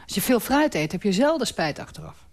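A woman's voice: mid-range voice, sing-song, a little fast. A woman in her forties, a radio interview guest talking frankly and with strong opinions. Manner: frank and opinionated, with emphatic dislikes. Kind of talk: relaxed radio interview about food.

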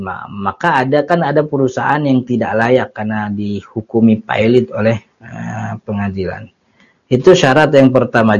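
Male religious teacher, mid-pitched, casual and chuckling, muffled recording. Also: darkish tone. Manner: explains Arabic text in colloquial Jakarta slang with chuckles. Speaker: Islamic teacher.

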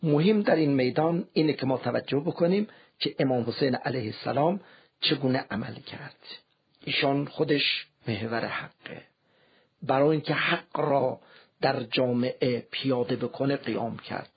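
A man giving a formal, measured religious lecture in a very raspy, gravelly voice. The recording is dull and lo-fi, as if heard over a radio. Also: mid-range voice. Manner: measured, formal, quoting scripture.

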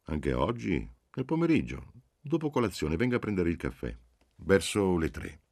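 A man's voice: low voice, big pitch swings, normal speed, a little mellow, breathy edge, no room sound, studio quality, exaggerated voice. A man voicing a cautious older professor who speaks with doubt and hesitation, in an audiobook reading. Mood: doubtful. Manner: hesitant then yielding.

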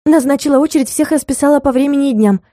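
A woman voicing a timid, kind young female assistant in an audiobook, babbling softly. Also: rapid-fire, no echo, clean studio sound, close to an everyday voice. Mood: sympathetic. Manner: high, soft, sympathetic babbling.

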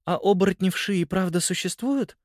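A man's voice: high-pitched, brisk, no room sound, studio quality, pitched above the performer's own voice, lightly acted. A man voicing a young shapeshifter girl hiding as a small animal, in an audiobook. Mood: sheepish. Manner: eager, pleading.

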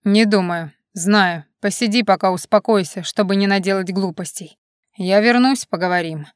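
A woman reading an audiobook and voicing a harsh, domineering young man, dropping her voice lower and speaking in a commanding tone. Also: normal speed, clean tone, dry recording, studio quality, lightly acted. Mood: cold, controlled. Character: angry controlling young man, jealous lover.

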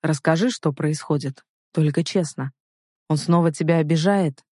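A reader voicing a protective older brother who speaks low, quiet and hard, in a dry recording. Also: male voice, normal speed, no echo, natural voice. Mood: stern.

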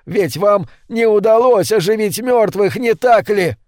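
A man's voice: unhurried, a little mellow, no echo, clean studio sound. A man reading aloud, voicing a frantic man who pleads for his life in a raised, strained voice. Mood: pleading. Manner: high, strained, urgent pleading.

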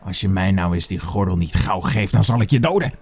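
A man's voice: deep voice, animated, fairly quick, slightly rough, faint music behind, full character voice. A man voicing a greedy, hot-tempered male tiger who threatens and bosses, in a storybook reading. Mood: threatening. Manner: threatening and bossy.

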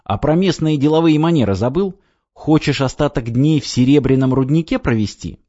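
A man reading an audiobook, voicing a pushy, scheming male construction director who coaxes and urges loudly. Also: mid-range voice, animated, a little fast, no echo, highs cut off, voice pushed up, natural voice. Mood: urgent coaxing. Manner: coaxing, urgent, exclamatory.

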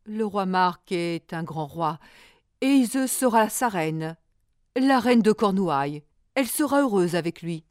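Anxious pleading young princess in a learners' storybook, voiced by a woman, high voice, dry sound. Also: steady tone, unhurried, fairly bright tone, dry recording.

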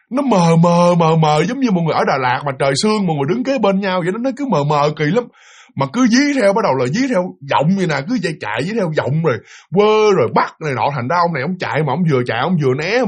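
A man's voice: a little high, husky. A man telling a spooky story, acting out the voices of the people in it.

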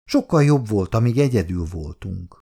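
A man's voice: lowish voice, animated, gravelly, dark tone, husky, exaggerated voice. A man reading a story aloud and voicing a weary, anxious mother who pleads with and reproaches her drunk husband. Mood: desperate.

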